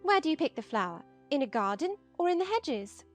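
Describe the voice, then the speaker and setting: A woman's voice: high voice, sing-song, moderate pace. A woman playing a foolish, good-tempered, fluttery queen, earnest and childishly proud, in an audiobook drama. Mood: quizzing. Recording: music behind the voice.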